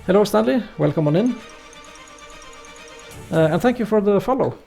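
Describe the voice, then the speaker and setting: Faint music plays as a Norwegian man with a high-sitting, creaky voice streams a game at normal speed. He keeps the chat with viewers casual and relaxed, hesitating with many fillers and reading chat messages out loud.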